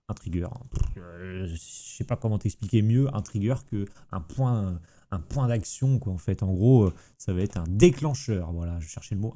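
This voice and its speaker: A man, casually talking the viewer through a software tutorial with chatty enthusiasm. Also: fairly low pitch. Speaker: streaming tutorial host. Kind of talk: casual screen-recorded tutorial.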